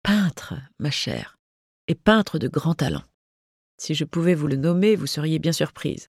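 A reader voicing a tearful young Parisian society woman who stammers and speaks in a breathy, wavering, raised voice, in a literary audiobook reading. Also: medium pitch, expressive, measured pace, dry recording, studio quality. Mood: earnest, animated.

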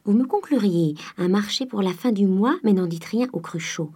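A woman's voice: medium pitch, lively intonation, dark tone, husky. Woman doing a sly stammering old miser. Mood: conspiratorial. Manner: halting, stammering.

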